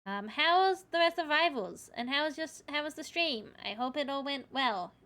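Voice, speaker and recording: A woman's voice: high voice, animated, normal speed, bright, forceful tone. An Australian woman doing casual livestream commentary while she plays a game. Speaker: livestreamer, VTuber. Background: music.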